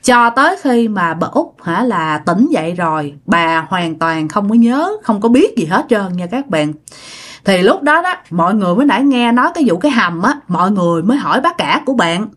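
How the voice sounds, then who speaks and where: Speaking a little fast in a sing-song, mid-range voice, a woman tells a ghost story casually. Her manner is chatty, and she addresses her listeners head-on.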